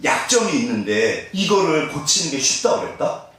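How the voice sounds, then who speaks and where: A man's voice: a little high, sing-song, normal speed, fairly bright tone. A middle-aged man preaching a sermon as pastor, humorous and self-deprecating, often laughing. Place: church sanctuary. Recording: roomy echo, voice from a distance.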